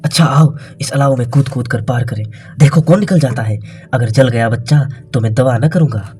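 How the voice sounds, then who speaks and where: A man's voice: medium pitch, moderate pace, mellow, faint music behind, close to an everyday voice. A man voicing a poor, weary and stubborn peasant farmer, speaking in raised, coaxing calls in a storybook reading. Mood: playful.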